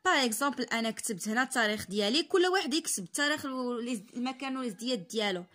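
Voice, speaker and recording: Young Moroccan woman tutor in her twenties, slightly high voice, slow read-alouds, quick asides. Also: expressive, a bit bright. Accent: Moroccan Arabic. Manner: reads French sentences slowly, then explains them in quick Darija. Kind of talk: online French lesson explained in Darija.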